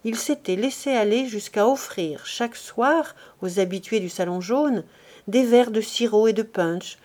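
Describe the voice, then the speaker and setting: A woman reading a classic novel aloud as an audiobook, in a measured, expressive way. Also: fairly high pitch. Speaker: audiobook reader. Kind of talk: literary audiobook narration.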